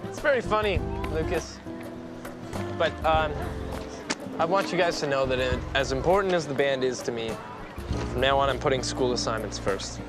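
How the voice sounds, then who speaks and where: A man's voice: medium pitch, expressive, normal speed, long pauses, natural voice. A young actor playing a worried teenage boy student in a TV drama, speaking earnestly and pleadingly, with music underneath. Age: young adult.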